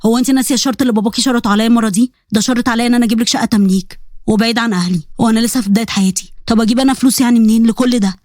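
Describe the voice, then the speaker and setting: A woman's voice: on the high side, racing, darkish tone, no room sound, clean studio sound, close to an everyday voice. A woman voicing a young man in love and pleading, in an Egyptian accent, for a narrated story. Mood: arguing. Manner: pleading, emotional.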